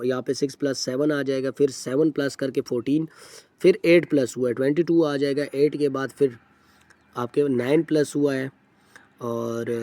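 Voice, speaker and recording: A man explaining practice test answers to students. His voice is mellow and relaxed and sits at a middle pitch. He works through each problem step by step, reads the English question text slowly, and keeps stopping to correct himself with a quick apology. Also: no echo. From Pakistan. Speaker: test preparation teacher.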